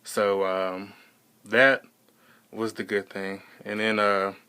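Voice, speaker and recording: A young American man speaks in a slightly low but bright, smooth voice. His delivery is casual and halting, as in a personal vlog. He rambles through his account and repeats words to stress them. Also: level tone. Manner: halting, rambling storytelling with repetition for emphasis. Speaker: vlogger.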